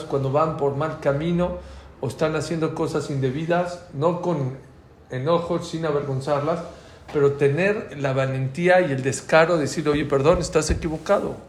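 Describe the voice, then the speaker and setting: Mexican guy teaching a torah class, kinda high voice, echoey room w/ a bit of noise. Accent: Mexican Spanish. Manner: lively storyteller, acts out dialogue. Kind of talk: informal religious class talk with anecdotes.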